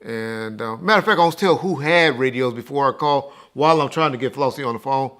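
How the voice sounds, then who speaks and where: This American podcast host talks casually, recalling things in a slangy, informal, emphatic way. His voice is medium-pitched and fairly bright, and he moves at a brisk pace.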